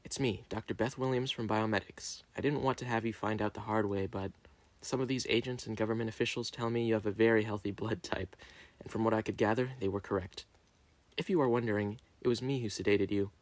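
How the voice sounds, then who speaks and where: A man's voice: lowish voice, fairly even intonation, a little fast, no echo, close to an everyday voice. A man voicing a composed female doctor in a story reading, polite and almost sympathetic. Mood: calm, sympathetic.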